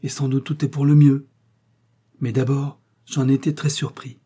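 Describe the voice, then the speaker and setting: A man voicing a timid, frightened older husband who speaks meekly and in a hushed voice. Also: medium pitch, level tone, normal speed, breathy edge, voice pushed up, close to an everyday voice. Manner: meek and hushed, pleading.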